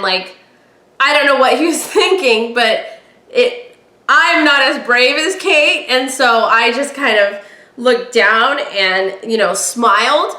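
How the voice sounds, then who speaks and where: Bright, gushing young woman. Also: a little high. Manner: gushing, chatty, laughs often. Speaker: podcast host. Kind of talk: casual recap chat. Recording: echoey room.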